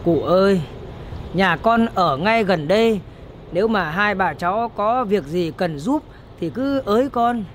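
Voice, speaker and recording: A woman's voice: medium pitch, lively intonation, unhurried, slight background noise, close to an everyday voice. A woman playing a kind middle-aged neighbor, polite and sympathetic. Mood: kindly.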